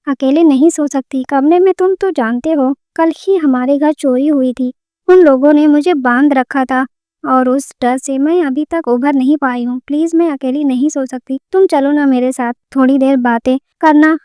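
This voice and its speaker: A bold city woman from a storybook tale who taunts and plays innocent, as a woman reads her. The voice is high and soft-toned, with a dry close sound. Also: fairly even intonation, dry recording, natural voice. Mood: falsely innocent.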